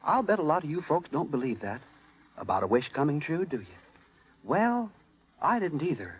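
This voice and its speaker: Lively folksy Jiminy Cricket. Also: male voice, fairly high pitch, normal speed, husky, full character voice, rough recording. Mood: folksy, dreamy. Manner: folksy, chatty, lilting. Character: small wistful cricket storyteller, friendly wanderer. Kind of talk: 1930s radio acting, folksy storytelling to listeners. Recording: vintage 1930s radio, loud orchestral music.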